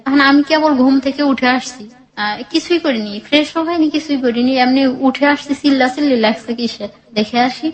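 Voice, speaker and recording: A woman's voice: sits high, a little fast, low-quality recording. A woman, telling her personal life story in a rambling, emotional way, full of restarts. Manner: rambling, with many restarts and acted-out quotes.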